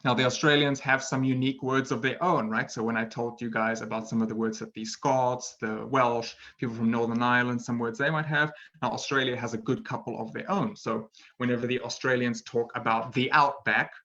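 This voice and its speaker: This male English teacher runs a casual webinar lesson, speaking briskly with hardly any pauses in a mid-range, fairly bright voice with fairly even intonation. The computer-mic recording sounds muffled. He's chatty and playful, laughing at himself and adding "right?" to his sentences.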